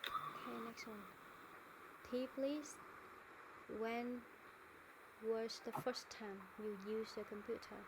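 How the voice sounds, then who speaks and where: A woman's voice: fairly high pitch, steady tone, slow pace, pauses often, noisy background. A woman teacher with a Vietnamese accent coaching students in an online English speaking class, modelling answers and explaining words.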